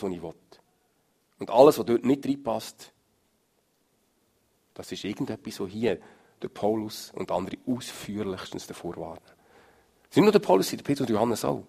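A male preacher, giving an emphatic sermon that swings from loud stresses to low murmurs. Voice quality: gravelly, husky.

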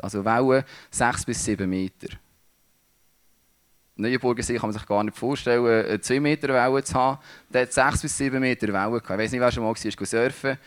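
A male preacher talks his congregation through a passage. His voice sits at an ordinary middle pitch, and he often breaks off mid-phrase to restart and find the next word. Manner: halting, searching for words, many restarts. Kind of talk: sermon.

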